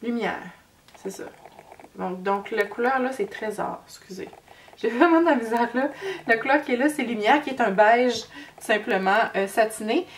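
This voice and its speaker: Québécois woman vlogger, head cold, chatty and hesitant, fairly high voice, set back from the mic. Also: lively intonation, moderate pace. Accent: Québécois French. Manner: chatty, hesitant, many fillers and slips. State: has a cold. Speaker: beauty vlogger. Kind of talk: makeup tutorial. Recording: distant mic with faint noise.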